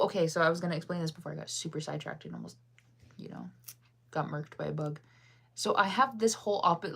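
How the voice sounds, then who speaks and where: Young woman on a casual live stream, slightly low voice, chatty, laughs a lot. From United States. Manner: chatty, self-conscious, laughs often, answers chat. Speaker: livestreamer.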